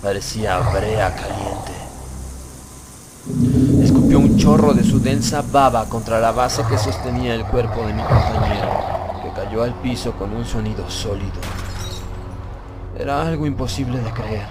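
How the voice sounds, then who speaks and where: Loud music runs beneath a man's lowish, slightly slow voice, leaving the clip very noisy. He delivers a suspenseful, grave first-person narration of a horror audiobook with dramatic weight.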